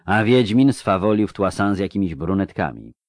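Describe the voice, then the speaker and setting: A man's voice: low-pitched, lively intonation, normal speed. A man reading aloud and voicing a stubborn young female apprentice who murmurs and argues pertly. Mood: pert musing. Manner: pert, murmuring.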